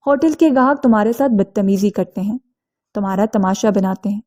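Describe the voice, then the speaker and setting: A self-assured young wealthy man, voiced by a woman storyteller who lectures calmly and plainly. The tone stays mellow and level, close to the narrator's own reading voice. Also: mid-range voice, close to an everyday voice.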